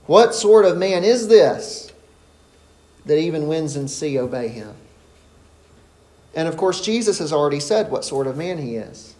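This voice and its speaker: A man's voice: a little high, darkish tone, roomy sound. A man preaching an expository sermon in an earnest, emphatic way. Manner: earnest, emphatic, rises sharply when voicing the disciples.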